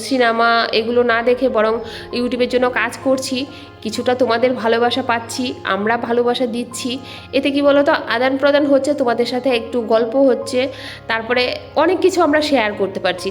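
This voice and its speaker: Middle-aged homemaker woman, casual vlog chat, friendly, slightly high voice, faint music behind. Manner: chatty and warm toward viewers; speaks softly at night so as not to wake family. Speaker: vlogger and housewife. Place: home at night.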